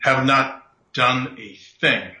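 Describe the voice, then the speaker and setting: A man who is a regular guest expert on a radio show, heard over a speakerphone and explaining things in a steady, factual way. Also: mid-range voice, takes it slowly. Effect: sounds like a speakerphone. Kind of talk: casual radio talk. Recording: roomy echo through a speakerphone.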